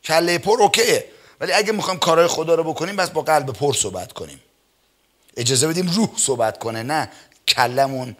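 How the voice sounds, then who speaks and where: A middle-aged man preaching a sermon, reading scripture slowly and emphatically and peppering his talk with amens and hallelujahs. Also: on the high side, expressive, a bit bright. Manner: says some words are hard for him to pronounce. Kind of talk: Persian church sermon.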